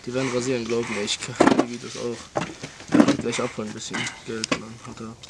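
A man's voice: mid-range voice, level tone, quick pace. A man in his twenties with an Arabic accent in German, chatting casually in street slang mixed with Arabic words. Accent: Arabic-influenced German. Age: 20s. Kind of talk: casual slang chat among friends. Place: outdoors in a garden at night. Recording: on-camera sound with background noise.

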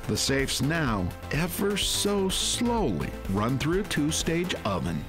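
A man narrates a scripted documentary in a measured tone. His pitch moves a lot, and he pauses for drama. Clear music plays beneath the voice-over. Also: sing-song.

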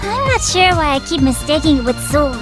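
Very high, sweet anime girl. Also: big pitch swings, fast talker. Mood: cheerful, sweet. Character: sweet, airy, cheerful anime teenage girl. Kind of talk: English anime video game voice acting. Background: children's-style music.

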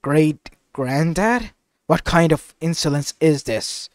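A man's voice: on the high side, lively intonation, slow pace, no echo, clean studio sound. Man reading a haughty ancient Titan. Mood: offended. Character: booming ancient male Titan, proud and menacing.

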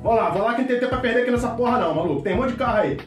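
A man playing a shouting Rio mechanic. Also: very high voice, animated, rapid-fire. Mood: boisterous. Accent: Carioca. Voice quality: shouting, swearing constantly, rambling. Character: loud brash slangy male mechanic, middle-aged. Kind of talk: comedy sketch monologue. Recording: echoey room, distant mic, faint music.

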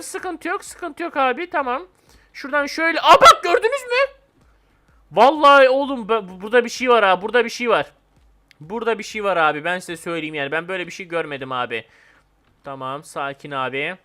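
A young man hosting his gaming channel, giving live commentary on a game, swinging between hyped shouting and calm muttering to himself. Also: high-pitched.

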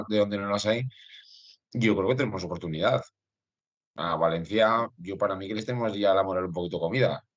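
A man on a sports panel giving measured, plain-spoken analysis. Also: sits low, dry recording. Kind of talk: casual sports talk show. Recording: dry, dull video call audio.

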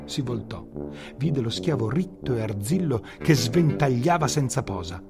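A man reading a children's story aloud in a lively, theatrical storytelling manner. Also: medium pitch, a little slow. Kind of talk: scripted story narration. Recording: music bed under narration.

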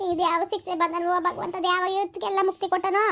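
Woman doing old village mom, super high and quick, fussing and praying over her son. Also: level tone, fairly bright tone. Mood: lamenting. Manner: fussing and consoling, invoking God. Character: worried village mother, older woman, pious and tender. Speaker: mother of a banished son.

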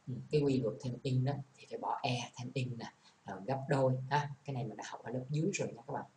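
A man's voice: medium pitch, fast talker, darkish tone. Patient male teacher with Vietnamese accent. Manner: explains patiently, mixing English examples into Vietnamese. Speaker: English teacher. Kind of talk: classroom lesson. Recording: echoey room, faint background noise.

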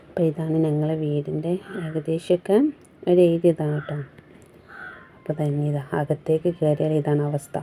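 A woman's voice: sits low, warm tone. A woman, chatting casually through a home vlog as a mother, with a cold that has changed her voice and a rambling style full of tag words.

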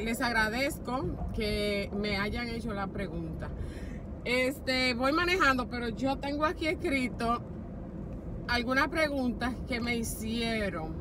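Dominican woman in her fifties, vlogger; slightly high voice, unhurried casual chat, phone at arm's length in a moving car. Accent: Dominican Spanish. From Dominican Republic. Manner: unhurried, chatty, many fillers like "este". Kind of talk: casual chat answering viewer questions. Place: inside a car while driving. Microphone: phone held at arm's length. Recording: car and street noise behind.

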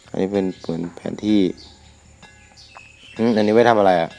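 A man's voice: fairly low pitch, normal speed, creaky. A young man with a sore throat hosting his gaming channel, commenting casually and crudely as he plays, often talking to himself. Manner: crude, excitable, talks to himself while playing. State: sore throat, can't shout.

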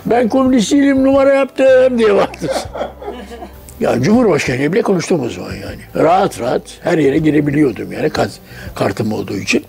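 Gravelly high-voiced man in his nineties. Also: warm tone. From Turkey. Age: 90s. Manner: anecdotal storyteller who acts out quoted dialogue. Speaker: interviewee recalling his life. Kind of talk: documentary interview, reminiscing.

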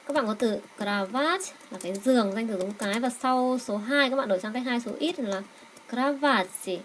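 A woman with Vietnamese as her first language teaching a Russian grammar lesson, saying words slowly and repeating them so learners can echo. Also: on the high side, fairly bright tone, slight background noise.

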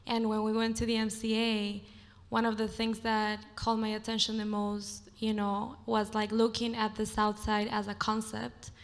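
A woman's voice: mid-range voice, monotone, moderate pace. A woman from Ecuador, an audience member asking a long, earnest question full of hesitations. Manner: earnest, hesitant, many "you know" and "like". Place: large auditorium audience. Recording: hall reverb in a large auditorium.

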